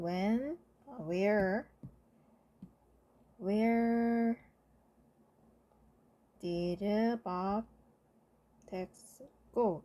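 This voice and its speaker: A woman teacher with a mellow, mid-range voice lectures through English grammar exercises, explaining the answers slowly. She checks that students follow with short tag questions like "그쵸?".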